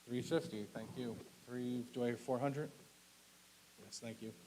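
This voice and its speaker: Male auctioneer over clearly audible hiss. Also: mid-range voice, fairly even intonation, unhurried, mellow, low-quality recording. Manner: repetitive, clipped bid calls with polite thanks. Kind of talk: live auction calling with item descriptions.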